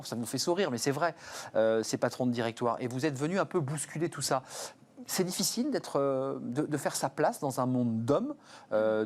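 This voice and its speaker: Rapid-talking male interviewer. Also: mid-range voice, darkish tone. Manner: brisk, leading questions. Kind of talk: business interview.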